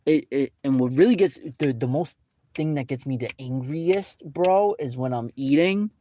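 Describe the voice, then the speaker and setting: A man's voice: medium pitch, moderate pace, warm tone, a little hiss or hum. A young man casually telling a rambling, indignant story with many fillers. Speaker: vlogger. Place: fast-food restaurant.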